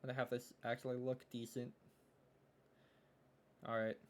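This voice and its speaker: A man's voice: medium pitch, little pitch movement, normal speed. Young guy streaming, talking to himself while he builds a game, kinda mumbly, mouse clicks in the back. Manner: thinks aloud while working, mumbles. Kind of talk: casual live-stream chat.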